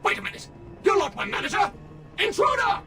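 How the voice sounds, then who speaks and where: A polite, servile android worker from a video game, its voice too smooth and synthetic, pitched very high and swooping lively between notes. It reports in a formal, mechanical way. Loud game music plays behind it. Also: male voice, fairly quick, full character voice. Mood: alarmed. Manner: courteous, formal, reporting like a machine.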